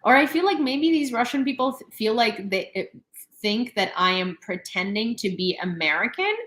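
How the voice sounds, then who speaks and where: A young Ukrainian woman with a Ukrainian accent, working as a news channel host, gives casual livestream commentary, sarcastic and animated and laughing between remarks. Her voice is a little high at a moderate pace, and the sound is reverberant.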